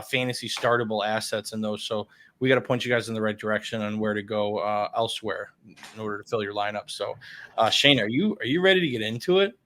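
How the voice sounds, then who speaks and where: A man's voice: medium pitch, a bit bright, a little hiss or hum. Upbeat male sports podcast host. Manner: upbeat, chatty, laughs often. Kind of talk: casual sports chat.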